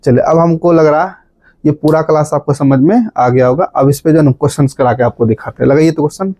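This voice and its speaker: A man's voice: a little high, fast, no room sound. A man teaching a grammar lesson, quizzing students and chanting memory formulas in a sing-song way. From Bihar, India. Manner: lively, repeats key terms, quizzes students with "बात समझ रहे हैं?".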